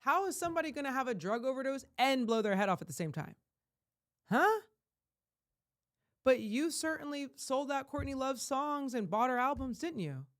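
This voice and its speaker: A woman's voice: high voice, animated, normal speed. Impassioned ranting woman vlogger. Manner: emphatic, ranting, surging to loud peaks; rambling with frequent restarts. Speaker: life coach. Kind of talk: impassioned vlog monologue.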